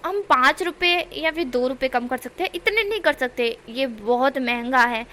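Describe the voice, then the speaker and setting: Lady playing a stubborn veggie seller guy, firm and fed up, high bright voice. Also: lively intonation, moderate pace, a little hiss or hum. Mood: firm, exasperated. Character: stubborn male vegetable seller refusing to bargain.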